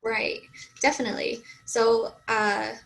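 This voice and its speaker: A fitness coach with a Boston-area accent talks openly and casually as an interview guest, with plenty of fillers. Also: female voice, fairly high pitch, big pitch swings, slow pace, vocal fry, a bit bright, rough recording. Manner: open, chatty, many fillers.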